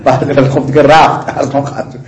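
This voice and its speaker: A man's voice: medium pitch, flat delivery. A middle-aged man teaching a class on Islamic law. He repeats his points, asks whether students follow, slips in Arabic legal phrases and chats with them. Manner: mixes in Arabic legal phrases, chatty asides and laughter. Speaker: seminary teacher. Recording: roomy classroom echo.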